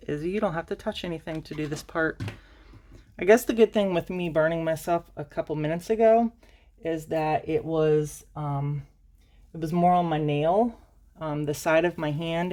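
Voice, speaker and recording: A woman with a low voice talks through a craft project in a loose, rambling way. She restarts her sentences often, pokes fun at herself, and sounds a little out of breath. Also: darkish tone. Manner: rambling, self-deprecating, many fillers and restarts. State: slightly out of breath. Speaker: crafting channel host. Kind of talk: casual craft tutorial.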